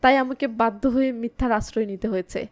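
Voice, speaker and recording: A woman's voice: fairly high pitch, steady tone, fast talker, voice pushed down, close to an everyday voice. A woman reading an earnest young husband. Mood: pleading.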